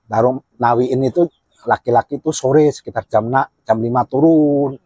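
A man's voice: mid-range voice, normal speed, mellow, breathy edge, no room sound. A man who keeps goats, talking casually and at length about his animals in a loose, rambling way. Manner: rambling, talkative, in a regional colloquial manner. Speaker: goat farmer. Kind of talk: casual chat.

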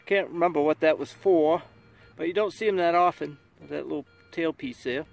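A man's voice: fairly high pitch, moderate pace, vocal fry, soft background music. A middle-aged man, a metal detecting vlogger, chatting and joking outdoors in a farm field. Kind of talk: casual outdoor commentary and storytelling.

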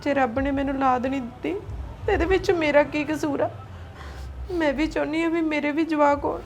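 A woman playing a gentle childless young wife. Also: high-pitched, steady tone, a little fast, a little hiss or hum. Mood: sad. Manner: pleading, soft-spoken. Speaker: actor. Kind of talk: Punjabi short film acting.

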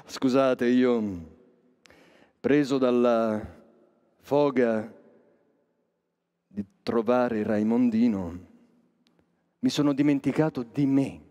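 An actor playing a sly, cynical chapel master, speaking a theatrical monologue straight to the audience in a sardonic, declamatory manner. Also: male voice, mid-range voice, extremely slow, pauses often, warm tone. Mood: mocking. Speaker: stage actor. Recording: long reverb of a stage hall.

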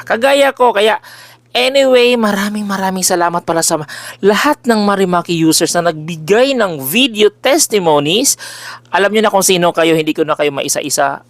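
In a dry recording, a man with a loud, big voice on the high side chats to camera for followers of his folk-healing page, where he sells remedies. He's animated and exclamatory, moving between Tagalog and English and dropping jokey remarks.

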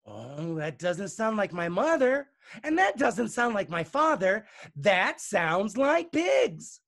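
A man reading a storybook and voicing a bold, loud young farm girl with a shouty, exaggerated, sing-song delivery. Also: high voice, very animated, slow, creaky, full character voice. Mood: wary.

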